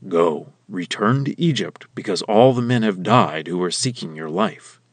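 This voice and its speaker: A man voicing a stern, commanding male god in a slow, weighty scripture reading. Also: on the low side, animated, no room sound.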